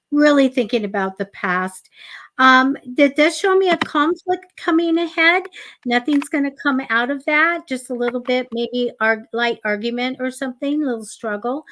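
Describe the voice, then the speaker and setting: A woman co-hosting a live show, giving a psychic reading in a hesitant, intuitive way with many fillers. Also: a little high. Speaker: psychic reader, co-host.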